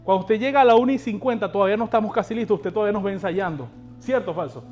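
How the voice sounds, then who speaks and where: High-voiced man preaching a sermon. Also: rapid-fire, darkish tone, muffled recording, soft background music. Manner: exhorting, asks the congregation rhetorical questions. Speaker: pastor.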